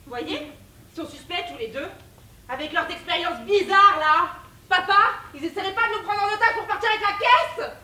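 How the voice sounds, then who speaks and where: A woman's voice: very high voice, moderate pace, sharp tone. An actress playing a suspicious young woman who questions and accuses strangers sharply. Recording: roomy bar, distant mic, faint noise.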